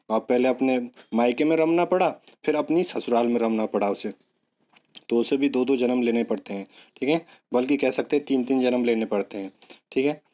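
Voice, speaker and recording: A man's voice: medium pitch, darkish tone. A male teacher giving an online exam-prep lesson, repeating words and coaxing students along with memory tricks.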